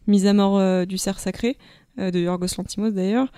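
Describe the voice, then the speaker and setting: A woman chatting on a casual group podcast, halting as she searches for words. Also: medium pitch, fairly even intonation, warm tone, clean tone, no room sound, clean studio sound. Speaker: podcast co-host.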